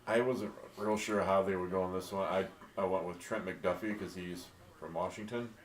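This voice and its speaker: Deep-voiced man musing in an echoey room. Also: fairly even intonation, normal speed. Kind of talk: casual draft pick discussion. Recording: echoey room with faint hiss.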